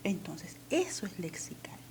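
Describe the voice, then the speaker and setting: A woman's voice: lowish voice, big pitch swings, unhurried, warm tone, breathy edge, whispered. A woman teacher with a Peruvian accent, patiently explaining a language lesson step by step. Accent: Peruvian Spanish.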